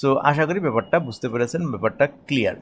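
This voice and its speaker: A man from Bangladesh, teaching English, who reads English phrases slowly and then translates and explains each one. He often asks himself questions and answers them. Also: medium pitch, animated, husky. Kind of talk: explaining an editorial line by line.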